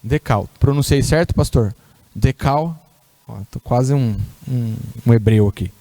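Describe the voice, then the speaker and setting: A man's voice: medium pitch, moderate pace, mellow, no room sound. A man giving a sermon in a church, teaching and often checking that the congregation follows. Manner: teacherly, asks the congregation questions. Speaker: preacher.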